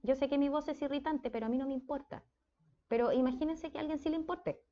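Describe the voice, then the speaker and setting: Woman, Chilean accent, speech therapy lecturer, casual and chatty, slightly high voice, muffled recording. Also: quick pace, warm tone. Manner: conversational, checks in with frequent "¿ya?".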